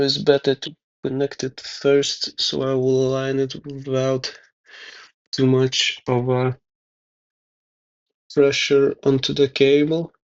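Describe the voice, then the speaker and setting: Guy mumbling thru a repair, slow and flat, gravelly, kinda dull lo-fi sound. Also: medium pitch. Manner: mumbling, thinking aloud with pauses and fillers. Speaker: DIY video maker. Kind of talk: casual narration over hands-on repair.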